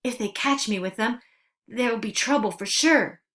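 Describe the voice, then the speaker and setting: A woman voicing a gentle, frightened young soldier boy in a storybook, speaking in a pleading, tearful way. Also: on the high side, moderate pace, pitched above the performer's own voice, natural voice.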